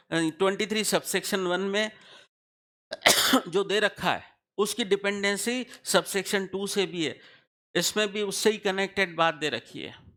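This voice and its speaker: With a high, sharp-toned voice, a man lectures a tax law class. He breaks each point down step by step, frequently putting questions to the students to check their understanding.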